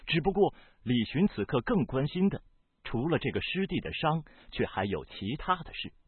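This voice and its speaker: A man with a husky voice reading a novel aloud as audiobook narrator, in an expressive, varied storytelling delivery. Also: medium pitch, moderate pace, no echo. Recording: dry, tinny phone-like sound.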